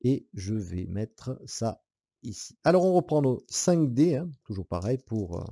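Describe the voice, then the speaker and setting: A man with a mid-range, sing-song voice and some vocal fry plays a board game solo, explaining the rules while counting dice and casually thinking through his moves. He's unhurried and relaxed, dropping hesitant fillers and soft laughs. The recording is clean studio sound with no echo, a solo board game playthrough tutorial.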